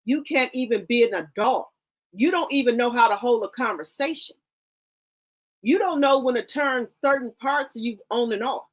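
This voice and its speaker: Speaking at normal speed in a slightly high voice, this middle-aged commentary host is blunt and lecturing. She keeps things casual, working slang into what she says.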